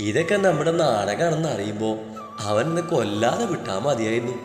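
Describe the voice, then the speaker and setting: A man voicing a frail, shrewd old grandmother in a storybook, talking soft and slow, with echo, long reverb and faint music. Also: mid-range voice, expressive, pitched below the performer's own voice, close to an everyday voice. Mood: wry. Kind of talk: storybook narration.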